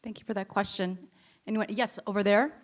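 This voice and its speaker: A woman's voice: mid-range voice, fairly even intonation. A woman moderating a festival Q&A, upbeat, calling on the audience and joking with the guests. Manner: upbeat, quick to prompt and joke. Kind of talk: hosting a festival Q&A. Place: film festival screening.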